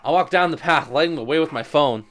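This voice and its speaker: A man's voice: fairly high pitch, fast, a bit bright, faint music behind. A young man playing a game on camera, reading its story text aloud with a dramatic touch and crude jokes in between. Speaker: let's play gamer.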